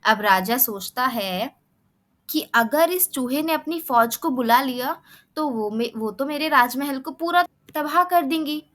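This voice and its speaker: Bright, high-voiced woman telling a kids' story. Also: a little slow. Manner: expressive storytelling. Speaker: storyteller for children. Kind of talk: children's story narration.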